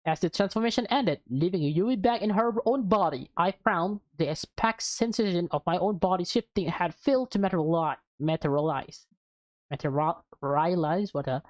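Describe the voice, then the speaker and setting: Close-miked over background music, a let's play host with a lowish, darkish voice reads a visual novel at normal speed. Her style is informal, with stumbles and offhand asides about the story.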